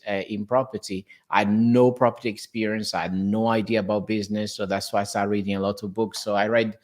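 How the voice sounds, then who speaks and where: A young man from Portugal with a Portuguese accent, talking as an interview guest in a fast, self-correcting way with frequent restarts. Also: fairly low pitch. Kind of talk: casual interview.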